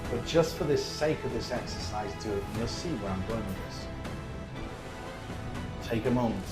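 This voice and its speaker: Echoey man guiding a self-help exercise. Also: mid-range voice. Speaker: self-help video presenter. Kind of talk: guided self-help talk. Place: inside a cable car. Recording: echoey small cabin acoustics, music.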